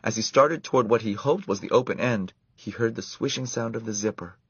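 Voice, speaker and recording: A man reading a children's story aloud in an expressive, animated way. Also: medium pitch, a little fast, husky, dry recording. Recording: dull lo-fi dry recording.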